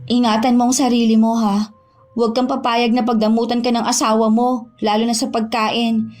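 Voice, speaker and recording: A woman's voice: a little high, level tone, moderate pace, darkish tone, lightly acted. An actress playing a caring but reproachful sister who worries about her brother. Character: protective younger sister, wary and hurt. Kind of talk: audio drama acting. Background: music.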